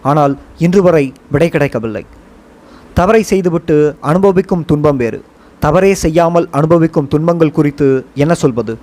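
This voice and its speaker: A man reading a first-person memoir audiobook in a measured, reflective storytelling manner. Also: on the high side, a little mellow. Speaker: audiobook narrator. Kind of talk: scripted first-person narration.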